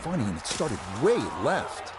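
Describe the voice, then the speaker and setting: A man giving golf commentary in a measured play-by-play manner with wry understatement. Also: on the high side, big pitch swings, background noise. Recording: music and crowd behind voice.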